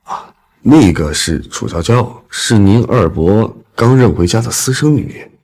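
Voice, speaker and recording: An actor playing a middle-aged chamber president who fawns over his boss and blusters at others, with a husky voice. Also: fairly low pitch, expressive, a little slow, a little mellow. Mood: fawning. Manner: obsequious to superiors, blustering to others.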